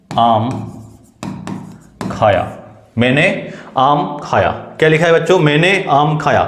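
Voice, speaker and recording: A man giving a step-by-step grammar lecture, asking questions and then answering them himself. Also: a little high. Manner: explains step by step, asks and answers his own questions. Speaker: teacher. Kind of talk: classroom-style Hindi grammar lecture. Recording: echoey room.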